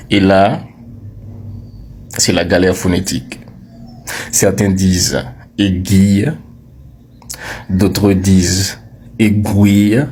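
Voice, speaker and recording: A man giving a scripted lesson on French pronunciation, slowly and deliberately repeating each word for the listener. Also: deep voice, vocal fry, darkish tone, a little hiss or hum.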